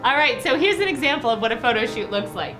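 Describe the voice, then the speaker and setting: A woman's voice: a little high, very animated, quick pace, low-quality recording. A woman hosting a morning lifestyle show aboard a cruise ship, bubbly and enthusiastic as she runs through the day's events. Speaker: show host. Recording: music playing underneath.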